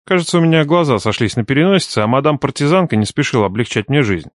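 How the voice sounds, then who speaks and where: Playful male audiobook narrator, lively voice. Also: mid-range voice, fast talker, no room sound, clean studio sound. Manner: playful, teasing delivery. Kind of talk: first-person audiobook narration.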